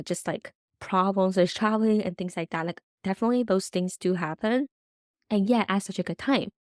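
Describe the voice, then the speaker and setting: A woman hosts a solo podcast, speaking earnestly and encouragingly to her listeners. She often checks in with a quick "right?". Her voice sits at an average pitch, and the sound is dry and close. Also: darkish tone, no room sound. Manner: earnest, encouraging, uses many "right?" tags. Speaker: podcast host.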